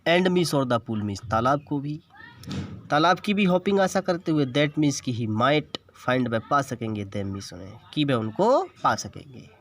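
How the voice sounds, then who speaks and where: A man's voice: medium pitch, animated, slow pace. A man teaching an English lesson, reading English lines in an Indian accent and explaining each word patiently. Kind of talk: bilingual classroom lesson explaining an English text.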